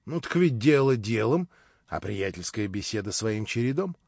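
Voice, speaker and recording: Roguish joking friend, male reader, bantering, lively pitch, dull dry recording. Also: normal speed, creaky, slightly rough, no echo, full character voice. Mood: teasing. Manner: bantering, teasing. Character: jovial roguish man, a joking old friend.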